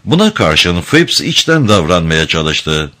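A man narrating a dark adventure storybook in a measured, grave way. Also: sits low, big pitch swings. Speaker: audiobook narrator.

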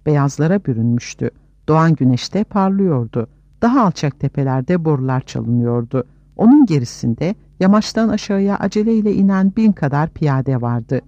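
A man's voice: fairly high pitch, warm tone, no echo, dull audio. A man narrating a fantasy audiobook with a dramatic storytelling delivery.

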